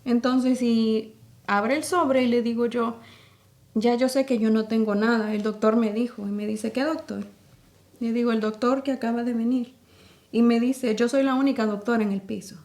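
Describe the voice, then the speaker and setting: A woman's voice: fairly high pitch, steady tone, moderate pace, a little mellow. Earnest Salvadoran woman giving testimony. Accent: Salvadoran Spanish. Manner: earnest, retells scenes with quoted dialogue. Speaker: podcast guest. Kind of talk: personal faith testimony.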